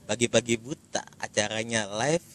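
A man's voice: mid-range voice, normal speed, a bit bright, a little hiss or hum. A man with a Jakarta accent hosting a casual podcast chat in informal, joking Jakarta slang. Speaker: podcast host. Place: coffee shop.

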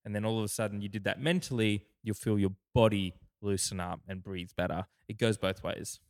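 A man's voice: on the low side, fairly even intonation, fairly quick. A young adult man co-hosting a podcast, talking casually with many restarts and fillers. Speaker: podcast co-host. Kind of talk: casual chat.

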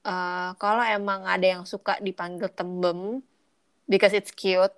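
A woman's voice: mid-range voice, flat delivery, a little slow, smooth. Chatty woman explaining with examples. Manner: chatty, explains with examples, mixes in English phrases. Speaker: podcast co-host. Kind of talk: casual chat.

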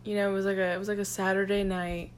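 A woman's voice: medium pitch, little pitch movement, fast. A young woman co-hosting a podcast and telling a story in casual chat, giggling and trading lines with her friend. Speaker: podcast co-host.

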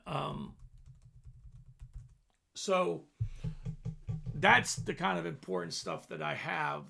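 Gravelly earnest preacher man. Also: on the high side. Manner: earnest, emotional, repeats phrases; drops to soft, breathy prayer. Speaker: minister on a podcast. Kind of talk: devotional podcast talk.

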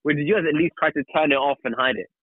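A young man in casual chat, teasing and firing back quick replies. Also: on the high side, breathy edge, no echo. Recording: tinny phone-line sound.

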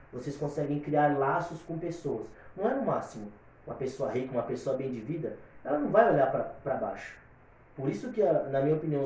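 Recorded on a distant mic in a very echoey room, a man from São appears as a guest singer on a podcast, chatting casually and giving rambling opinions full of repeated fillers. His voice is warm and on the high side.

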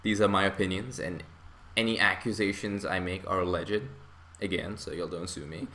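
A man's voice: sits low, fairly even intonation, moderate pace, pushed and bright. A young man hosting a casual investing podcast, rambling and chuckling often as he talks. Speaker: podcast host.

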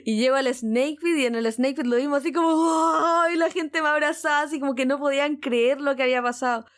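Mujer chilena contando una anécdota emocionada. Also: female voice, sits high, fast talker. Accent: Chilean Spanish. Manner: excited, repeats words, laughs often. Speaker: guest. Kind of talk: casual storytelling.

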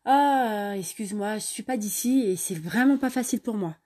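A woman's voice: medium pitch, normal speed, darkish tone, voice pushed up, lightly acted. A woman voicing a young female newcomer to the city, guarded and easily exasperated, in a raised, tense voice. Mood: irritated.

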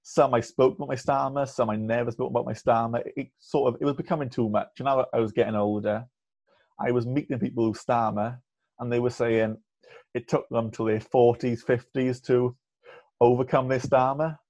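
A young man in his twenties, appearing as a podcast guest, talks candidly in a conversational interview with a stammer, blocking on and repeating sounds. His voice is medium-pitched, steady, darkish, and at normal speed, on muffled lo-fi audio.

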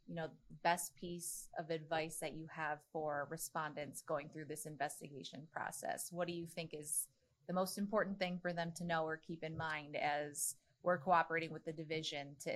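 Woman podcast host, lowish voice, friendly, asks clear questions. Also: flat delivery, normal speed. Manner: friendly, laughs lightly between questions. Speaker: podcast host, employment lawyer. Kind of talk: interview hosting.

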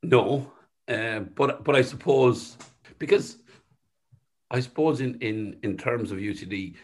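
A middle-aged man with a thick West of Ireland accent, answering interview questions modestly and haltingly, often circling back to rephrase. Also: medium pitch, darkish tone. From Sligo, west of Ireland. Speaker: company chief executive being interviewed.

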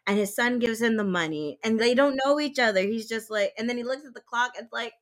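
A woman's voice: fairly high pitch, a little fast. A woman from Georgia co-hosting a podcast, chatting casually and animatedly about TV shows and books, often laughing. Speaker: podcast co-host. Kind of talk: casual chat.

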